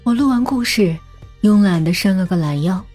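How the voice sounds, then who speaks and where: A woman narrating an audio story in a soft, unhurried storytelling manner. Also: medium pitch, soft background music.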